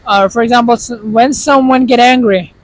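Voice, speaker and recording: With a very high voice, a steady tone and normal speed, a Pakistani vlogger speaks to the viewer directly. He has a Pakistani accent, Urdu as his first language, and gives casual, earnest advice. Slight background noise is present.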